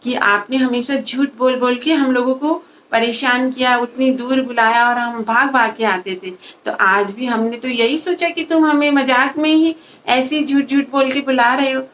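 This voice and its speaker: A woman voicing the kindly adult villagers of a children's story, speaking slowly and patiently as they explain. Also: high-pitched, fairly bright tone, slight background noise. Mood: gently scolding.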